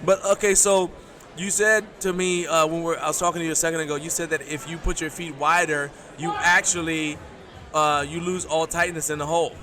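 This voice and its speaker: At a powerlifting meet, a livestream host casually interviews a competitor with chatty, friendly questions while the crowd chatters behind. His voice is on the high side, a little fast, bright, and forceful, with a steady tone.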